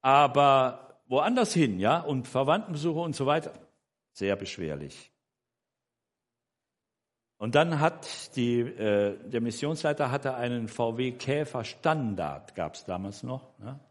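A man's voice: mid-range voice, slow. Older man telling a rambling story. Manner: rambling and animated, with frequent "ne?" tags and self-corrections. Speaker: church member giving a personal testimony. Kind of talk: conversational personal storytelling. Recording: long hall reverb.

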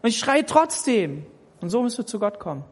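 Very animated and a little fast, the preacher's mid-pitched voice carries a breathy edge and rings out across a large church hall with long reverb. He delivers his sermon emphatically, speaking to each person and repeating words for emphasis.

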